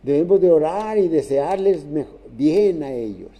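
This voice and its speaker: Man, preacher, sermon, slightly high voice, halting, repeats himself. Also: animated, warm tone. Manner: halting, many restarts and repeated "¿verdad?".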